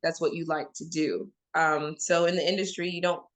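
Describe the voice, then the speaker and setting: Her low-pitched voice holds a steady tone at normal speed as this woman from Oklahoma, an interview guest, responds with candid emphasis. She addresses the audience head-on as y'all.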